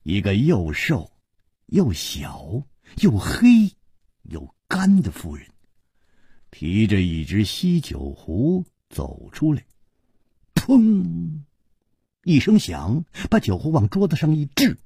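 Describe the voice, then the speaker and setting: A man's voice: slow pace, husky, no echo. A man telling a martial-arts tale in traditional storytelling style, with dramatic delivery into a close mic. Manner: dramatic, highly expressive delivery.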